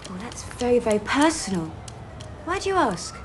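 In a film dialogue scene, an actress plays a wry woman recalling her time in analysis. Her voice is on the high side with big pitch swings and a moderate pace, over a noisy background. She speaks drily and teasingly, often dropping to a near whisper.

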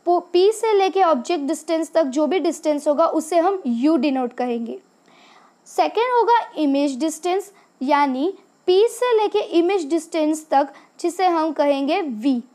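A woman teacher giving a slide-based science lesson voice-over, explaining slowly and deliberately while mixing English and Hindi. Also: sits high, lively intonation, mellow.

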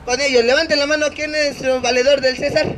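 A Mexican street comedian in a city plaza, his voice sitting very high for a man. He roasts the people around him with crude, slangy banter. A loud crowd fills the open air behind him. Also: flat delivery, fairly quick. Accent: Mexican Spanish. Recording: loud crowd noise outdoors. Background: large crowd laughing.

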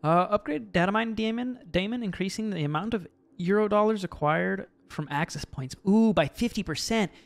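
A man's voice: high voice, normal speed, vocal fry, few pauses. A man casually commenting while playing a video game, joking and reading game text aloud. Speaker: gaming video host.

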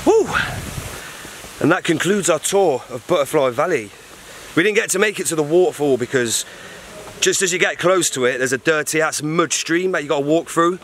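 A man's voice: fairly high pitch, animated, normal speed, a bit bright, slight background noise. A man, vlogging a boat trip outdoors in a chatty, slangy, upbeat way, filmed on an action camera on a selfie stick. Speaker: travel vlogger. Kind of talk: casual travel vlog.

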